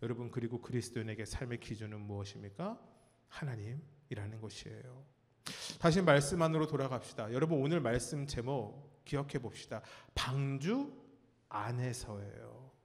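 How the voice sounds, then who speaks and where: A man preaching a sermon as pastor, telling a story with lively acted-out cries and asking his congregation questions. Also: medium pitch, normal speed, long reverb tail. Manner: animated storytelling, acts out cries and quotes. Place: church sanctuary.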